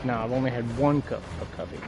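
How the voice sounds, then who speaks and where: A man's voice: mid-range voice, lively intonation, fast, creaky, over music. A man rambling casually and bluntly with plenty of swearing, talking with a lip full of dipping tobacco. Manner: blunt, coarse, frequent swearing. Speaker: gaming video creator.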